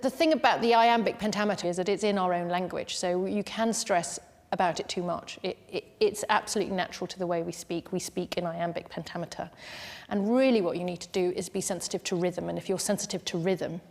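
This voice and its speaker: A woman's voice: fairly low pitch, fairly even intonation, fairly quick, a little mellow, long reverb tail. A woman talking in a reassuring interview manner. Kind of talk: interview talk.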